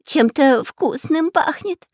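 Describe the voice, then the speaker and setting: A storybook narrator voicing a bumbling, greedy male spy who whines and squeals in a high, drawn-out voice. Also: no room sound, clean studio sound. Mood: whiny. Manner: whining, squealing.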